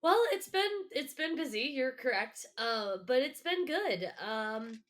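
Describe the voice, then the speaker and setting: Woman, swallowed froggy voice, bright and tense tone, casual podcast guest, slangy, self-interrupting. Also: high voice, sing-song, a little slow. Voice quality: congested, froggy voice with occasional coughs. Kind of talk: casual chat.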